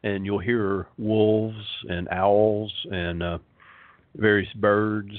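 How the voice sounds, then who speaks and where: Soothing, slow hypnotist-voiced man, low and resonant. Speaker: show host. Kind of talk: rambling talk show monologue. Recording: phone-like internet radio line, roomy echo.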